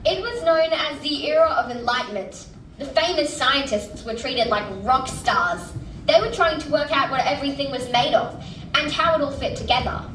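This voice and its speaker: Casting: female performer as eager showman guide through time, stage musical, high voice in noisy echoing hall. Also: expressive, normal speed, fairly bright tone. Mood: explanatory. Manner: showman-like, explanatory. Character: eager time-travel guide who explains history and science. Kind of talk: stage musical acting, announcing. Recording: distant, echoey, noisy stage recording.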